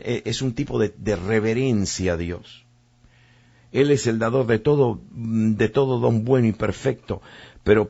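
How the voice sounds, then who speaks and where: A man's voice: lowish voice, vocal fry, a little mellow, slightly rough. A male pastor preaching a sermon, repeating words and speaking straight to his listeners. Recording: dull lo-fi recording.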